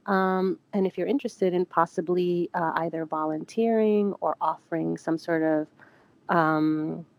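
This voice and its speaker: A woman's voice: fairly low pitch, darkish tone, low-quality recording. A woman guest giving earnest, casual advice on sexual health, with frequent fillers.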